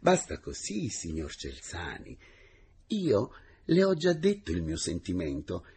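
A man voicing a proud, frank young schoolmistress who speaks in a firm, measured, sincere way. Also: lowish voice, wildly swooping pitch, creaky, darkish tone, slight background noise, voice pushed up, heavily acted. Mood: firm refusal.

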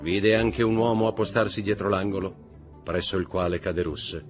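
A man narrating a dramatic novel in a measured, expressive storytelling manner. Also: sits low, over music.

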